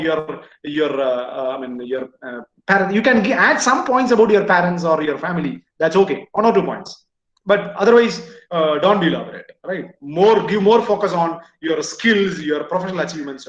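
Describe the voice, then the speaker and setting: A man with an Indian English accent, lecturing engineering students on job interviews. He repeats his points and keeps asking "right?". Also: sits high. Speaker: placement trainer. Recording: echoey, dull lo-fi room sound.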